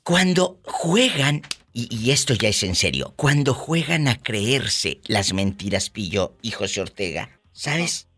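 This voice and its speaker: Male Mexican comedy host, teasing and gossipy, bright animated voice. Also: medium pitch, slow, hardly any pauses, husky. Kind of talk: comedic radio-style hosting.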